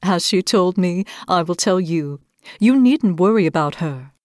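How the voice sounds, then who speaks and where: A woman doing a calm, firm mother mouse. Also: on the low side, unhurried, dry recording, clean studio sound.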